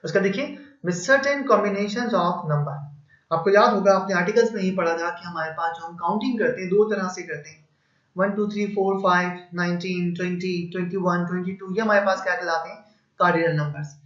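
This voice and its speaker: A man with a fairly high voice explains grammar slowly and patiently, building up each point with examples. His tinged colours the speech. The recording has a roomy echo and a somewhat dull, muffled sound. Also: a bit bright. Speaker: English teacher. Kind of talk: explanatory lesson. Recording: echoey room, slightly dull sound.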